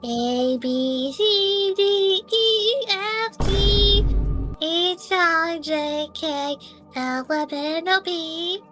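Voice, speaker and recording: A woman putting on a babyish toddler voice, slow and sing-song. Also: very high voice, sharp tone, faint music behind, pitched above the performer's own voice, full character voice. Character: tiny toddler, sweet and babyish.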